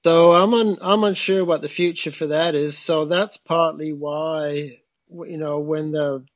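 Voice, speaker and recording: A man's voice: a little high, fairly even intonation, a little slow, no room sound. Middle-aged man explaining at length. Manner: thoughtful, explanatory, hesitant restarts. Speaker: frame-building teacher, guest. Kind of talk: conversational interview.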